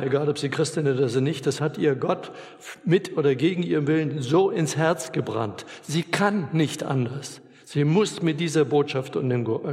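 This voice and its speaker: A man preaching a sermon in a church, earnest and emphatic, with long pauses. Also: fairly high pitch, vocal fry, a little mellow. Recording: long reverb of a church hall.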